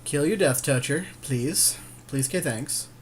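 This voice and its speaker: A man with a mid-range voice co-commentates casually on a card game he's playing in, as a podcast co-host. He takes his time, and there's slight background noise.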